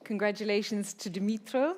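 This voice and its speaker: A woman with a mid-range voice speaks fairly quickly as host of a live award ceremony in a large hall with an audience. She announces the delegations in an upbeat, chatty manner, slipping in small laughs. The live event audio carries faint crowd sounds and noise.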